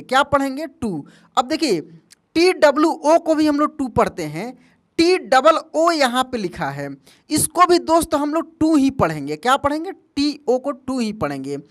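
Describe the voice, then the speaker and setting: High-voiced man teaching a spelling lesson. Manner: asks quiz questions and answers them himself, calling listeners "my friend"; spells words out letter by letter. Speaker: English teacher. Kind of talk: spoken language lesson.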